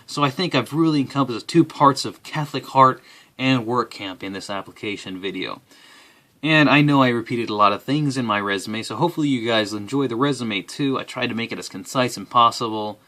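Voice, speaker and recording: Give me a young man with a dry, deadpan way of talking, applying to camp in a casual video. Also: medium pitch, fairly quick. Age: young adult. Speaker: applicant. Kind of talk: casual talk to camera.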